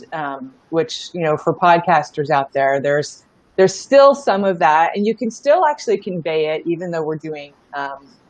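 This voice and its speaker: This middle-aged interview guest, a startup founder, speaks in a low-sitting, darkish voice, telling stories casually with candor and emphasis while often checking in with the listener. The sound is lo-fi and echo-free.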